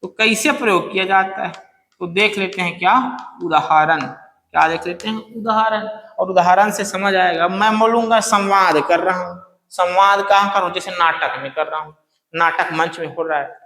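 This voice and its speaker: High-voiced male teacher in an echoey room. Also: moderate pace, sharp tone. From Chhattisgarh, India. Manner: repeats key terms, asks and answers own questions, stretches words to demonstrate. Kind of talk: classroom grammar lesson. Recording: echoey room with long reverb.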